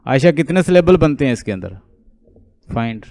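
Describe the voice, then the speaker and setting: A man from Pakistan with a Pakistani accent, an Urdu native speaker, teaching an online English lecture, explaining and quizzing students and repeating words slowly. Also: mid-range voice, very animated, gravelly, darkish tone, a little hiss or hum. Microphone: online class call.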